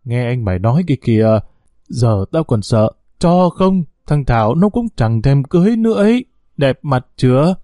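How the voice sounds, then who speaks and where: A man's voice: medium pitch, very animated, moderate pace, dark tone, no echo, clean studio sound, lightly acted. A man voicing an elderly village mother who wails and scolds her pregnant daughter. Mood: scolding. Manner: wailing, scolding.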